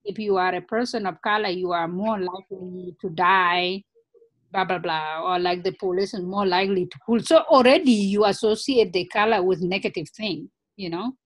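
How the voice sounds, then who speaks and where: A woman's voice: mid-range voice, moderate pace, no room sound. A woman from Africa, a guest in an interview, talking earnestly and reflectively in a conversational way. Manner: earnest, reflective, many "you know" fillers.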